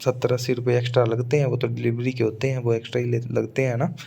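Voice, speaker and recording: A man's voice: medium pitch, monotone, fast, creaky, dark tone. A man with a Rajasthani accent teaching an exam-prep English phonetics lesson, repeating each example word aloud. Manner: drills words by repeating them aloud. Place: Suratgarh, Rajasthan.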